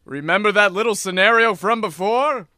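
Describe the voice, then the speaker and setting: In a radio comedy, a man plays a hard-sell announcer in a spoof infomercial, delivering a mock pitch in a booming salesman style. He speaks at normal speed with a sharp tone, and there's no room sound.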